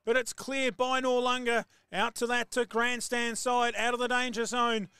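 An Australian man calling live football play-by-play, excitable and rising to shouts on big plays. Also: very high voice, moderate pace, clear, resonant tone, dry recording. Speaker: football commentator.

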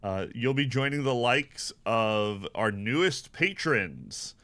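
A man co-hosting a podcast, reading supporter shout-outs in a put-on radio announcer voice. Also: medium pitch, sing-song, takes it slowly. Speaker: podcast co-host.

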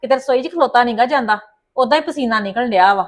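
A woman playing a complaining, sharp-tongued daughter-in-law in a family drama. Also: on the high side, fast, close to an everyday voice. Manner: complaining, sarcastic, mutters asides.

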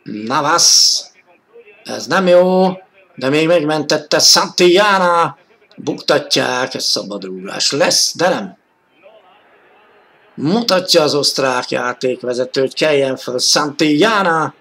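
Excited man commentating football, bright voice. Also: fairly high pitch. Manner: excited, rising to shouts at key moments. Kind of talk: live television football commentary. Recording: old 1980s TV sports broadcast audio.

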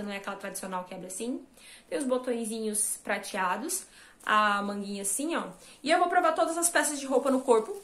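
A woman in her thirties from Brazil, a fashion vlogger chatting casually about her shopping haul in a small room at home. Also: a little high. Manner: chatty, lively, showing clothes to viewers. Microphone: camera at a short distance, then phone held at a mirror.

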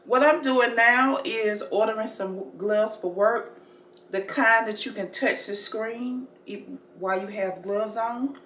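A woman vlogger chats casually to the camera from home, calling her viewers family and y'all. Her voice is fairly high and a bit bright, and she speaks slowly. The room is echoey, with faint background noise.

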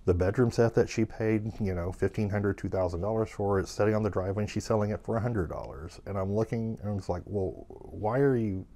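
A man who runs an estate sale business, telling a long anecdote in a casual, animated way with plenty of fillers. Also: on the low side, fast, few pauses. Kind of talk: casual storytelling.

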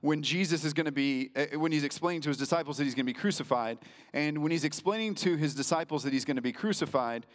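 A man's voice: fairly high pitch, fast, big-room sound. A man preaching as a pastor in a casual, conversational way, full of fillers and restarts. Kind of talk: sermon.

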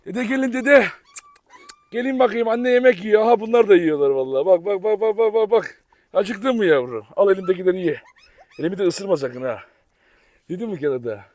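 A man with a high-pitched voice hosts a casual vlog as he hands out food to his dogs. He coaxes and praises them fondly and turns to chat with his viewers in between. Faint background noise sits under his voice. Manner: affectionate coaxing talk to dogs, addresses viewers. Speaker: dog owner vlogger.

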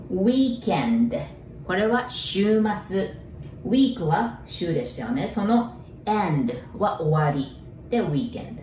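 Woman language teacher, low-ish voice, slow careful drilling, distant mic in an echoey room. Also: a little mellow, a little hiss or hum. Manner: slow, careful pronunciation drills with repeated words. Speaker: English teacher. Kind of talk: bilingual language lesson.

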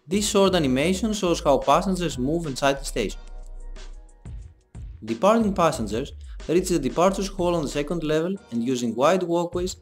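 A young man giving a scripted voice-over for a design presentation, in a measured, explanatory read. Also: on the high side, animated. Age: young adult. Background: soft background music.

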